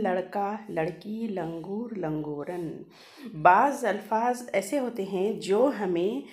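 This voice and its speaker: Woman teacher reading word lists. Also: mid-range voice. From India. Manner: reads word lists slowly, then explains in brisk asides. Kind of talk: reading a grammar lesson to children.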